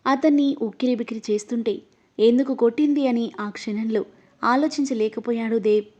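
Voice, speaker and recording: A woman's voice: a little high, fairly quick. Woman narrating an emotional story. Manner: reads all the characters, her voice rising louder in angry lines. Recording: dull, lo-fi audio.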